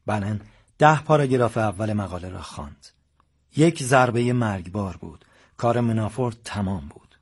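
A man narrating an audiobook in an even, measured reading. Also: lowish voice, husky. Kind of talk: scripted narration.

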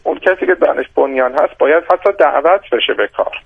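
A man giving measured, explanatory answers as an economist guest in a radio interview, with frequent hesitations and restarts. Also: a little high, gravelly, breathy edge, no room sound. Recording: dry, dull lo-fi radio sound.

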